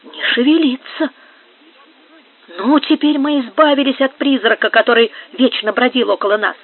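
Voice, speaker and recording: A reader voicing a coarse, fearless male soldier who talks loudly and mockingly in an audiobook. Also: sits high, fairly even intonation, moderate pace. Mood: blustering. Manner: loud, blustering, mocking. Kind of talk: audiobook character voice. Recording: tinny phone-like sound.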